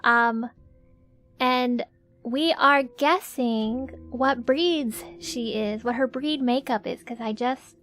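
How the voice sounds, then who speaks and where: A woman's voice: fairly high pitch, slow, fairly bright tone. A woman livestreamer chatting casually in a cute anime-streamer manner. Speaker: streamer, VTuber host. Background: faint music.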